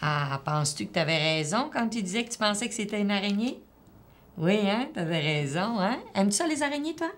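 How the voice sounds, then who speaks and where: A woman's voice: medium pitch, big pitch swings, fairly quick, a little hiss or hum. A woman teacher, patiently questioning and encouraging a child during a one-on-one reading assessment.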